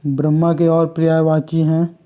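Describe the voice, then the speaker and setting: A man from Uttarakhand reading Hindi exam quiz questions and their answers in a slow, measured way, like reading off a list. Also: fairly high pitch, monotone, narrow, tinny audio. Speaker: exam prep teacher.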